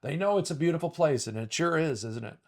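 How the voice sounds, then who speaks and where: A man's voice: on the high side, animated, fast, a little mellow. A man in his fifties from Michigan co-hosting a podcast in upbeat, loose casual chat, often restarting his sentences. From Traverse City, Michigan, US. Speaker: podcast co-host.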